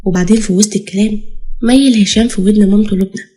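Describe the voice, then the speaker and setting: A woman storyteller with an Egyptian accent, narrating a drama in a brisk, dramatic way. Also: medium pitch, steady tone, warm tone.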